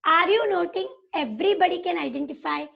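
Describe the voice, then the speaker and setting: High-voiced Indian woman teaching slowly. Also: gravelly. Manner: explains slowly, switching between Hindi and English, checking understanding. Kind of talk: online biology lecture. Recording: dull lo-fi online class audio.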